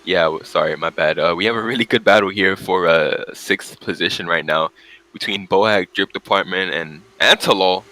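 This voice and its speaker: Man, very low voice, bright tone, informal live racing commentary. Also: moderate pace, poor audio. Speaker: race commentator, host. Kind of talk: casual live sim-race commentary.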